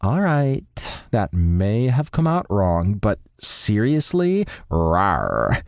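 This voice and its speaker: A man's voice: fairly low pitch, huge pitch swings, extremely slow, darkish tone, no room sound, studio quality, heavily acted. A man putting on a chirpy, gushing young woman.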